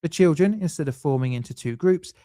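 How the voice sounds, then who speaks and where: A man's voice: on the high side, brisk, dark tone, no room sound, clean studio sound. Man with a scripted narration. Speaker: documentary narrator.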